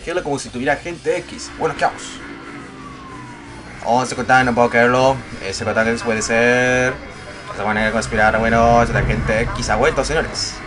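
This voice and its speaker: A man playing a racing game and commenting playfully, yelping and shouting whenever he crashes. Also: on the low side. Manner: excitable, yelps and shouts at crashes. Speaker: gameplay commentator. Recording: game music loud behind voice.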